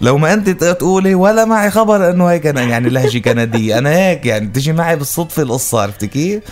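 A man's voice: a little high, animated, rapid-fire. A man hosting a morning radio show, jokey and chatty. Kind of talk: casual radio banter. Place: radio studio.

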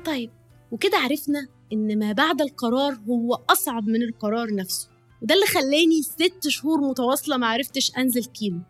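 Fast-talking Egyptian woman telling her story. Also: sits high, soft background music. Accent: Egyptian Arabic. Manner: emotional, confessional storytelling. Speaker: podcast host, nutritionist. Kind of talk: personal storytelling podcast.

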